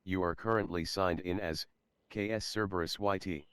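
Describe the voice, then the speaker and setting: A male text-to-speech console menu narrator reading prompts in a flat synthetic way, heard with a doubled echo from a second device. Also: deep voice, normal speed, clear, resonant tone.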